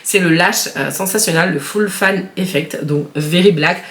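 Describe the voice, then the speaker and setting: A woman beauty vlogger chatting casually while she unboxes products, frank and expressive and speaking straight to her viewers. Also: lowish voice, a little slow. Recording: echoey home room, faint background noise.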